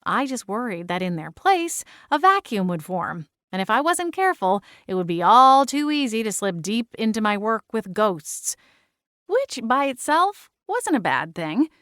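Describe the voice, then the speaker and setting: A woman's voice: fairly high pitch, sing-song, a little slow, a bit bright, dry recording. A woman reading a scripted first-person story as an audiobook narrator on a close microphone.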